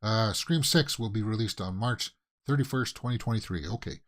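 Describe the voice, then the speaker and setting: A man's voice: on the low side, normal speed. A Canadian man hosting a casual movie news show, rambling through headlines with plenty of fillers and restarts. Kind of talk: casual solo commentary.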